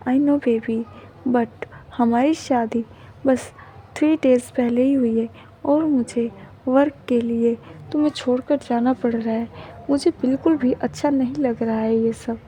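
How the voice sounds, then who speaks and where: A woman voicing a tender young husband who speaks softly and affectionately in a storybook narration. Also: a little high, steady tone, a little slow, slight background noise, lightly acted. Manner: soft, hushed, affectionate. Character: tender devoted young husband, loving and teasing.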